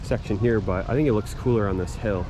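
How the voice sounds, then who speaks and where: A man's voice: lowish voice, fast. A man chatting casually to camera as a self-deprecating, joking vlog host while jogging outdoors. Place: outdoors on suburban streets and paths. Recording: noisy outdoor street recording with traffic.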